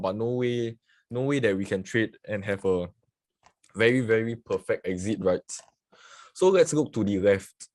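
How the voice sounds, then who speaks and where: In a live screen-share market analysis with chat, a Singaporean man teaches forex trading, talking casually through chart examples. His voice is lowish and a little mellow, recorded without echo. He keeps repeating "so yeah" and says hello to viewers as they appear in the chat.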